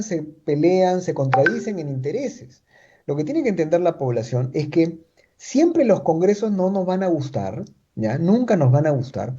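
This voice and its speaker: A man's voice: high voice, warm tone, slightly rough, lo-fi sound. A man from Chiclayo, Peru, with a Peruvian Spanish accent, giving political commentary as an analyst in an interview. He talks emphatically, repeats his points and tags them with rhetorical questions.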